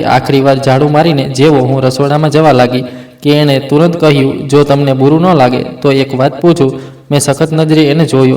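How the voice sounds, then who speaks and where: A man narrating a first-person story in a steady, sombre way, with small restarts. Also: medium pitch, echoey room, poor audio.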